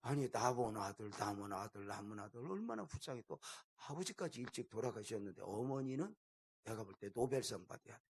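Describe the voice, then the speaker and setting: A middle-aged man preaching a revival sermon as pastor, telling stories and swinging between loud bursts and hushed quoted lines. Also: fairly low pitch, very animated, a little fast, husky.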